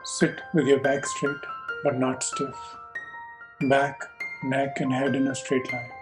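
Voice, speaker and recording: With music in the background, a male yoga teacher guides a meditation in a level, medium-pitched voice. He speaks calmly in short, measured phrases, pausing between instructions, and his delivery stays even with little melodic movement.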